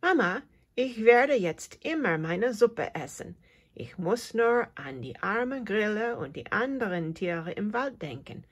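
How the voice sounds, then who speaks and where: A woman's voice: low-pitched, sing-song, takes it slowly, hardly any pauses, breathy edge, exaggerated voice. A woman voicing a little boy mouse who is a fussy eater, in a small, childlike voice, in a storybook reading. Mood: happy.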